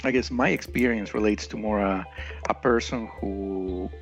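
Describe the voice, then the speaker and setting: Low gravelly man, hesitant guest. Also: moderate pace, soft background music, low-quality recording. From Ecuador. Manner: hesitant, many restarts and fillers. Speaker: podcast guest. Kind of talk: casual interview conversation.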